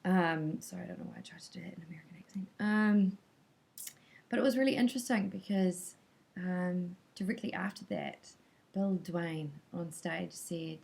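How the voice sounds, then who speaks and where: Low, gravelly woman chatting. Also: normal speed, darkish tone, low-quality recording. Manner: chatty, hesitant, many "um" fillers. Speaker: vlogger recapping a conference talk. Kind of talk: casual spoken recap.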